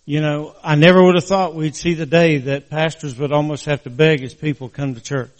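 An older man from West Virginia preaching a church sermon in an earnest, halting, folksy way, his words slightly slurred from a crooked, post-surgery mouth. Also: fairly high pitch, steady tone, long reverb tail.

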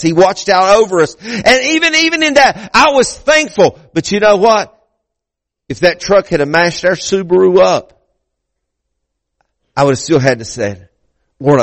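High-pitched preaching pastor, a man. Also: no echo. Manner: preaching with rising emphasis and repetitions. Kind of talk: sermon. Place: church.

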